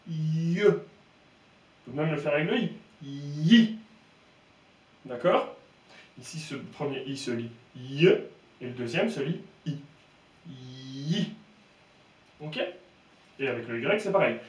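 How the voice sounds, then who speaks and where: A man teaching a reading lesson, slow and emphatic, repeating sounds for the learners. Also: medium pitch, roomy sound, far from the mic.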